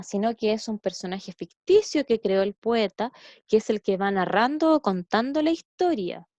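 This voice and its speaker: A woman's voice: mid-range voice, darkish tone, dry recording. A woman teacher with a Chilean Spanish accent gives a recorded lesson to pupils, explaining step by step and checking in with "¿cierto?". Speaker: schoolteacher. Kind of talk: recorded classroom lesson over slides. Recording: dull lo-fi dry recording.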